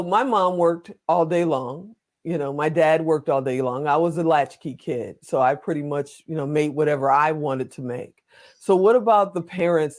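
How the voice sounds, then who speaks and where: A man hosting an interview, asking long, chatty questions and joking along the way. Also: fairly high pitch. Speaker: interviewer, host. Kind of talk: casual interview chat.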